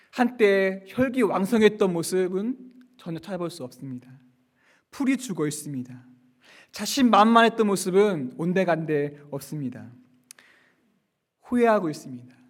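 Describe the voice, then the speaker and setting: A man's voice: sits high, animated, normal speed. A male pastor delivering a sermon, asking his listeners rhetorical questions and rising and falling for emphasis. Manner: rhetorical questions, acts out quoted lines softly.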